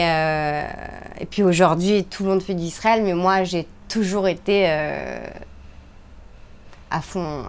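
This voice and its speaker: In an informal interview, a woman from France makes her case with energy and emphasis. Her voice climbs and dips as she goes.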